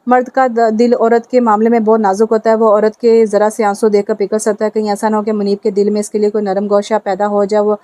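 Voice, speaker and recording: A woman's voice: mid-range voice, fairly quick, hardly any pauses, dry recording. A woman narrating a romantic novel and speaking every character's lines herself. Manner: reads all parts herself in an even tone. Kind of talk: dramatic audiobook narration with voiced dialogue.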